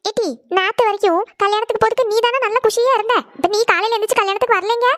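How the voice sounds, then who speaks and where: A woman's voice: extremely high pitch, fairly bright tone, no echo, studio quality. Woman doing a fussing cartoon mother. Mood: scolding. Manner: scolding, rapid, fussing. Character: scolding worried middle-aged village mother. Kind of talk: cartoon voice acting.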